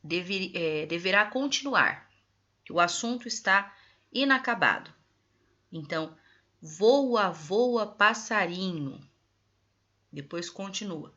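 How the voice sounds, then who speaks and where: A woman teacher with a Brazilian Portuguese accent talks her pupils through textbook answers slowly and deliberately, leaning on each phrase. Her voice is bright and clear. The recording sounds dull and lo-fi. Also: fairly low pitch, animated. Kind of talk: correcting textbook exercises for pupils.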